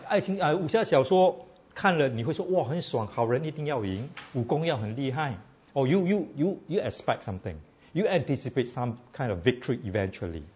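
Lively code-switching male preacher. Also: medium pitch, husky, highs cut off. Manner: animated, asks the audience "all right?" often. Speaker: preacher teaching a Bible class. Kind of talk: casual sermon mixing Chinese and English.

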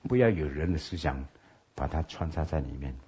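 A man's voice: very deep voice, animated, fairly quick, warm tone, a little hiss or hum. A man who is a pastor, teaching a lecture on logical fallacies, often checking in with his listeners. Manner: asks listeners for assent with frequent OK. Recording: dull lo-fi lecture recording.

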